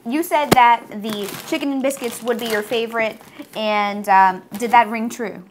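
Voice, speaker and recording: Female co-host for a snack review vlog: talkative, playful, slightly high pitch. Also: normal speed, noisy background. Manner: chatty, playful. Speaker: co-host of food tasting show. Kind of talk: casual chat while tasting snacks.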